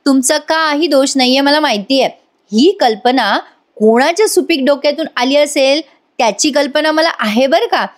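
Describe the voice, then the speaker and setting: A woman voicing a gentle, good-natured young daughter-in-law who speaks reassuringly. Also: sits high, moderate pace, pitched above the performer's own voice, natural voice.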